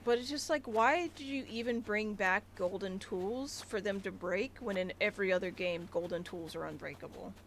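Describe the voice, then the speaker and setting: A woman's voice: medium pitch, moderate pace, few pauses, slight background noise. Rambling, ranty woman streamer. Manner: rambling, ranty, many filler likes. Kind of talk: casual gaming livestream commentary.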